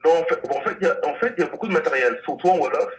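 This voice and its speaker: A man's voice: fairly high pitch, expressive, rapid-fire, distant mic, rough recording. A man from Congo, director of a language school, answering radio interview questions with many fillers and restarts.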